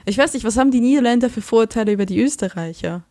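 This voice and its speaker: A woman's voice: a little high, racing, a little mellow, no echo, studio quality. A young woman, chatting as a guest and animatedly acting out the people she quotes. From Switzerland. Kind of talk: casual conversation.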